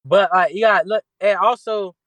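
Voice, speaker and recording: A man's voice: high-pitched, normal speed, a bit bright, dry recording. A man co-hosting a sports podcast in loose, slangy casual talk, often restarting his sentences. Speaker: podcast co-host.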